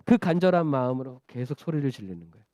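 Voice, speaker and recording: A man preaching a storytelling sermon to children, animated and asking them questions. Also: medium pitch, fast talker, dry recording, clean studio sound.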